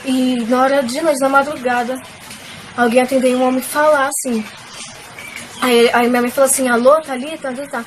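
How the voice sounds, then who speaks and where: A woman's voice: sits high, fairly even intonation, normal speed, pauses often, slight background noise, low-quality recording. A young woman, emotionally telling viewers a personal faith testimony in a casual, filler-filled way. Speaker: vlogger.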